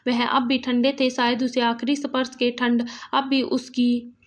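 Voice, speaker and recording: A woman narrating a dramatic, emotional story in a steady, even-toned reading. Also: a little high, unhurried.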